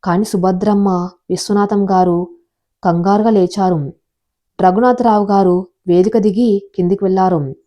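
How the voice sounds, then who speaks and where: A woman reading a scripted story in a steady, measured way. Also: medium pitch. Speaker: narrator.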